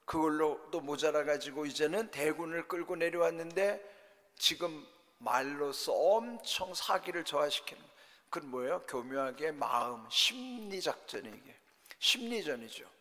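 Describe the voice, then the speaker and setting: Korean pastor preaching in a reverberant church. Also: male voice, a little high, bright, forceful tone. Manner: emphatic, asks the congregation "예?" and "어?" often. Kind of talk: sermon. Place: church sanctuary.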